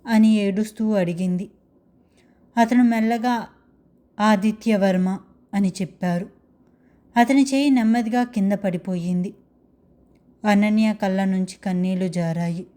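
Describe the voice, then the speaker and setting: A woman's voice: mid-range voice, measured pace, long pauses, warm tone. A woman narrating a dramatic love story in a scripted storytelling style.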